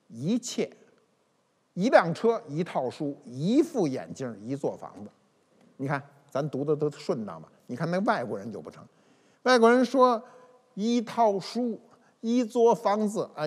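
Husky man explaining. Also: fairly high pitch. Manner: didactic, demonstrates pronunciations aloud. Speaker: cultural commentator. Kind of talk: explanatory talk-show monologue. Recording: reverberant room with faint music.

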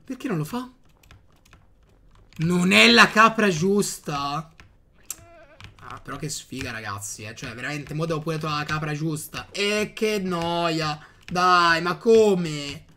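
A man giving casual gameplay commentary, chatting to his viewers with excitable outbursts. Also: on the high side, takes it slowly, slight background noise. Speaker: gaming youtuber.

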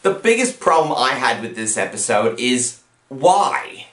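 A man hosting a comedic review, talking sarcastically and with exasperation, sometimes breaking into shouts. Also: medium pitch, expressive, unhurried, very noisy. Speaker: host and reviewer. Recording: roomy echo.

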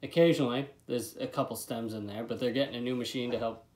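A man's voice: mid-range voice, fairly even intonation, fast, darkish tone. A young man in his twenties giving a casual, laid-back vlog review with a lip full of dip, recorded at a desk in a bedroom. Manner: laid-back, swearing freely. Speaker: product reviewer. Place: small bedroom, indoors.

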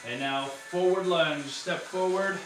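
High-voiced man, encouraging aerobics instructor. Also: slow pace, fairly bright tone. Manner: encouraging, short repeated instructions. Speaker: fitness instructor leading a home workout. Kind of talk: aerobics instructor cueing and counting through a workout. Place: small tiled room at home, indoors. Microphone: far camera across the room. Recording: roomy, distant camera mic with music.

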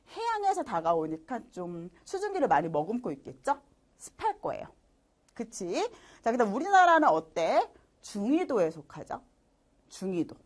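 A woman teaches a middle school science class in an online lecture, her pitch swinging widely as she talks. She chats casually, keeps checking in with rhetorical questions, and laughs easily at her own drawings. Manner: lively, chatty, asks students rhetorical questions; laughs at herself while drawing.

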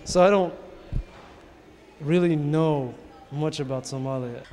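Hesitant young man, slightly high voice. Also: slow, a little mellow, a little hiss or hum. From United States. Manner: hesitant, searching for words. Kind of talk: personal interview answers. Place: indoor room against a plain wall. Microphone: handheld mic.

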